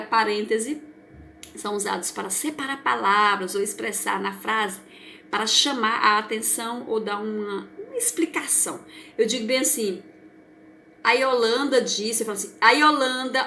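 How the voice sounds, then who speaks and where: A woman's voice: a little high, normal speed, vocal fry, bright, forceful tone, a little hiss or hum. Encouraging Brazilian woman teaching young children. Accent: Brazilian Portuguese. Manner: patient, encouraging, checks understanding often. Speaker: primary school teacher. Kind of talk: recorded review lesson for children.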